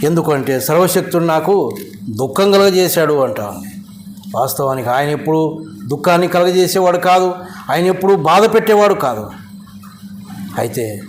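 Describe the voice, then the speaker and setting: A man with a high voice delivers a sermon in a prayer hall. He tells a story and keeps prompting his congregation with short questions. The room echoes, with a faint hiss of noise behind him. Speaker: preacher.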